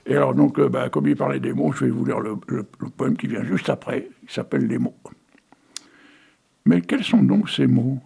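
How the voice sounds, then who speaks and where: Folksy French-accented male radio host, gravelly and husky, reads poems and puns between chatty asides. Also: mid-range voice, little pitch movement, brisk, few pauses, darkish tone. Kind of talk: casual local radio reading.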